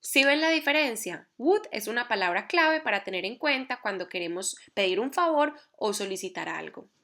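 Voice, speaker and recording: A woman teaching a grammar lesson, explaining carefully and reading example sentences slowly. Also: mid-range voice, expressive, bright, forceful tone. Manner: measured, reads English examples slowly and carefully. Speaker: English teacher.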